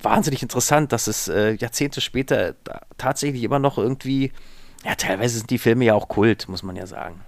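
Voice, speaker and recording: A man's voice: mid-range voice, no echo. A man from Berlin, a podcast guest, telling stories from his bed in a rambling, hesitant casual chat full of fillers. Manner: rambling, digressive, with many hesitations.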